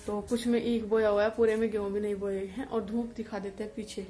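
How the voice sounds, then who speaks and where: A woman's voice: medium pitch, little pitch movement, brisk, dark tone, soft background music. A young woman chatting to camera from a small room at home, talking casually with lots of fillers in a wistful tone. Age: young adult. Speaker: village vlogger. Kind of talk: casual vlog talk to camera.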